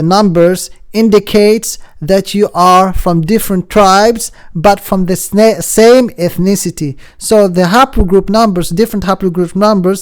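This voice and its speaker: A speaker from North Africa hosts an informal explainer, half talking and half reading from notes. The voice sits at a middle pitch and stays smooth and resonant, while the delivery stumbles now and then, with fillers and restarts as terms get explained. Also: a little mellow. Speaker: channel host. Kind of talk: informal explanatory talk, partly read aloud.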